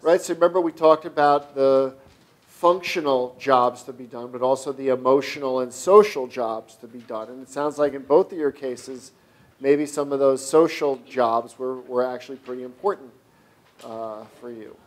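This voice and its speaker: A man leading a classroom workshop, giving quick instructions and prompting students with questions in a conversational way. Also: mid-range voice, steady tone.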